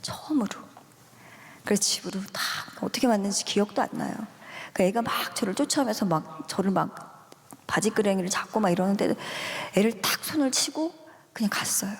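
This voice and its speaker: A woman's voice: medium pitch, lively intonation, normal speed. A woman giving an emotional faith testimony, earnest and often dropping to a whisper. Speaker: guest giving a personal testimony. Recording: long hall reverb.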